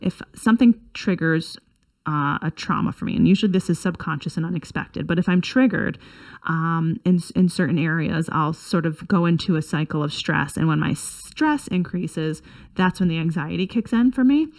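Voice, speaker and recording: A woman in her thirties with a somewhat low-pitched voice shares personal advice. She talks in an earnest, chatty way and often pauses to restart her sentences. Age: 30s. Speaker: wellness vlogger.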